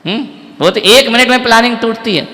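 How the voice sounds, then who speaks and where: A man's voice: very high voice, a little fast. A man, a monk, giving a sermon, retelling an old epic to a live audience and firing rhetorical questions at his listeners. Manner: fires rhetorical questions at listeners, animated storytelling. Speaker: Jain monk giving a discourse. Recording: long hall reverb.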